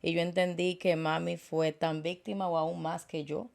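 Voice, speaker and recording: A woman, a guest telling her story in an interview in an earnest, halting way with many fillers. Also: on the low side, little pitch movement, creaky. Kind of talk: personal testimony in interview.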